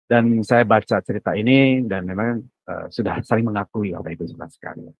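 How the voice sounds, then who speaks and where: A man preaching a sermon in a conversational way, often jumping into sudden high exclamations. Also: a little fast, no room sound, lo-fi sound.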